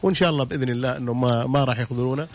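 On a casual radio sports show, a man speaking as a football pundit hammers his points home and keeps repeating them. His medium-pitched voice races along.

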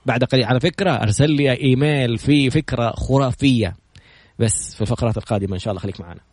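A man hosting a podcast in a casual talk style, reciting prayers and then telling stories in a lively, chatty way. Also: medium pitch, slightly rough, dry recording. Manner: opens with recited prayers, then brisk storytelling; lively and chatty, jokes with the guest. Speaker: podcast host. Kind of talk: casual talk show introducing a guest.

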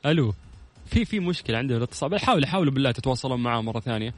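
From a radio studio, a man hosts a live call-in show, greeting listeners warmly and trading quick, lively banter with callers. His voice is medium-pitched, with soft music playing in the background.

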